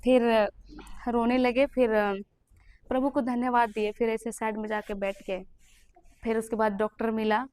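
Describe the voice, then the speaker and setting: A woman's voice: on the high side, little pitch movement, moderate pace, darkish tone. Earnest young woman. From Jharkhand, India. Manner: earnest and emotional, acting out the people she quotes. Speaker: testimony giver.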